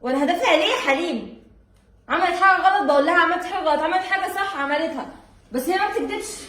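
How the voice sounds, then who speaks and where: A woman's voice: very high voice, rapid-fire, fairly bright tone. A young woman with an Egyptian Arabic accent, defensive and pleading in a casual family argument at home. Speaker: family vlogger. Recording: far from the mic in an echoey room.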